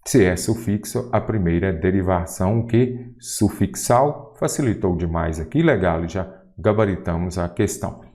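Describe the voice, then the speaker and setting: A man's voice: sits low, moderate pace, few pauses, darkish tone. A middle-aged man with a Brazilian accent, a Portuguese teacher going through exam questions, asking rhetorical questions and stretching out the answers.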